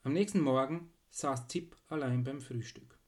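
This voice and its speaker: A man narrating a children's storybook in a calm, even manner. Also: medium pitch, unhurried.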